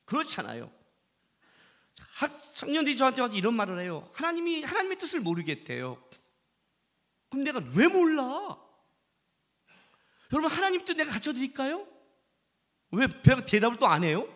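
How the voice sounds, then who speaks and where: A man preaching a sermon at a worship service. He tells his story in an animated way, playing out each quoted line. His voice sits high and swings widely. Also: fairly quick. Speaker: pastor.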